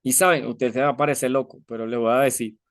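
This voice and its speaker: A man's voice: medium pitch, fairly even intonation, fast, dry recording, clean studio sound. A man preaching a conversational sermon, telling an illustration and asking his listeners many rhetorical questions.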